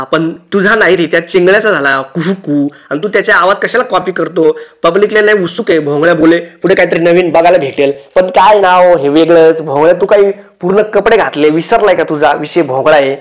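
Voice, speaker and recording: A man's voice: a little high, brisk, few pauses, a bit bright. A man hosting a comic roast, teasing and mocking the people in the clips he reacts to. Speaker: roast host.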